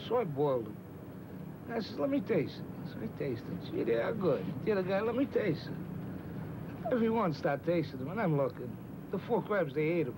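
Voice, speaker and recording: An older male fisherman telling a lively anecdote aboard a fishing boat, acting out the voices of the people in his story. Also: high-pitched, normal speed. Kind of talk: storytelling interview. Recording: noisy old film documentary sound.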